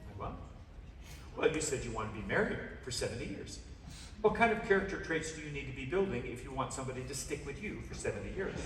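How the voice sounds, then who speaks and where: A man's voice: medium pitch, lively intonation, fast talker, a bit bright. A man preaching a sermon as guest pastor, mixing stories with playful asides and calling on the congregation to answer back aloud. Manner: calls on the congregation to respond aloud. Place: church sanctuary. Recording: echoey church hall, distant mic, background noise.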